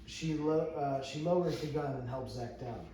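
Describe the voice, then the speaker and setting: At a script table read, a man with a mellow, medium-pitched voice narrates the stage directions at normal speed. The recording is noisy, made with a distant mic in a very echoey room.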